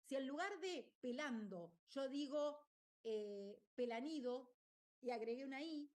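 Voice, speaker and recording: A woman's voice: high-pitched, animated, measured pace, a little mellow. A woman teacher, explaining a lesson and often checking in with her listeners. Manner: explanatory, checks in with "¿está bien?". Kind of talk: online lecture.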